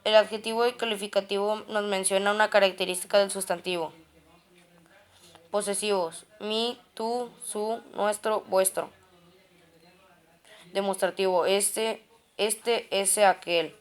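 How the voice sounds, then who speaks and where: A woman's voice: mid-range voice, steady tone, unhurried, long pauses. A woman reading grammar study notes aloud, stepping through terms and definitions and often restarting words.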